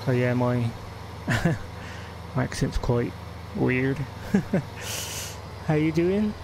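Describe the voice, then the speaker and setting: An Englishman with a West Country accent chats casually on a game stream, rambling and laughing often. His mid-range voice has lively intonation and vocal fry, and he speaks extremely slowly over a noisy background.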